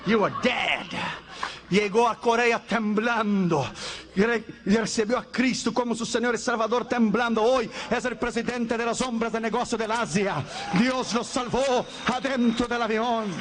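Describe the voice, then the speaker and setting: A man preaching a sermon in a strikingly high voice, fervent and often rising into shouts. He tells his stories with animated, acted-out dialogue, with a faint hiss of noise under the voice. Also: normal speed.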